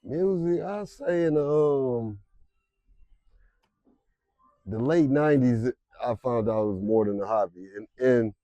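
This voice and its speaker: Man, interview guest; relaxed, slangy delivery, warm low tone, dry close sound. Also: a little slow, long pauses, dry recording, muffled recording. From Detroit, Michigan. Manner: laid-back, slangy, trails off with fillers. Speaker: interview guest, music promoter and rapper. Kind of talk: casual interview.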